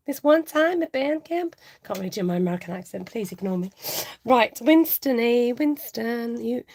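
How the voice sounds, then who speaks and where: A woman in her forties talks through a budgeting livestream from home in a chatty, giggly way, reading out viewer comments as she goes. Her voice is gravelly and a little husky, sitting at an ordinary middle pitch for a woman. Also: a little mellow. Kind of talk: casual livestream chat.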